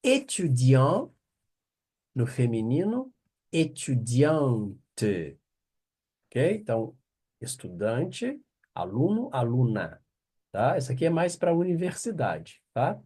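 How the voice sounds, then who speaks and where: A man teaching French online. He explains patiently, checks in often with quick questions, and repeats the French words slowly. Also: mid-range voice, huge pitch swings, warm tone, breathy edge. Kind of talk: online language lesson.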